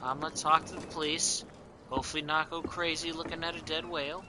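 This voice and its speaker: A man's voice: a little high, level tone, a little fast, noisy background. A man streaming a game, talking to himself in a mumbling way and often dropping to a whisper. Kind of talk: let's play commentary.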